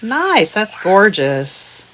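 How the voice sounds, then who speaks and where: A woman's voice: medium pitch, wildly swooping pitch, extremely slow, fairly bright tone. A woman hosting a crafting show in a casual chat with friends. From US West Coast.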